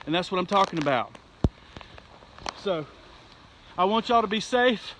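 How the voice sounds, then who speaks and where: Outdoors, with clear wind and storm noise around him, a man speaks in a notably high voice with a Southern US accent. He plays amateur weather reporter in a folksy, excitable way, casually addressing his viewers live. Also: a little slow. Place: outdoors up a tree in wind and rain. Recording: windy outdoor noise, clicks and rumble. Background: storm wind and rain.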